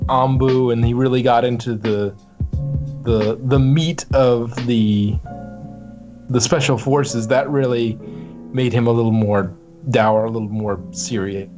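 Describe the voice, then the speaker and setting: A guest voice actor with a medium-pitched voice talks casually on a podcast while music plays clearly behind him. He's reflective and halting, working out his thoughts on acting as he goes.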